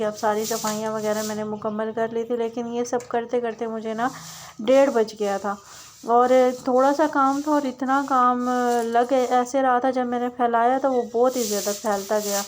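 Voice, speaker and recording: Brief: young woman, home vlogger, rambling chatty voice-over, fairly high and quite level in pitch. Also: fairly even intonation, normal speed, a little hiss or hum. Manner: chatty, rambling, many "na" fillers and restarts. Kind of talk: casual voice-over narration of a home vlog.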